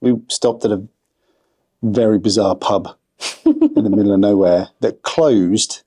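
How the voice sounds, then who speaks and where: Husky-voiced male podcast host. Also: on the low side, steady tone, a little slow, warm tone. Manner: jokey, teasing, chatty. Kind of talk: casual chat.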